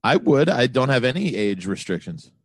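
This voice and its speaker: Man, forties, podcast guest, casual chat, easygoing, joking, rambling, varied pitch. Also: sing-song, normal speed, dry recording. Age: 40s.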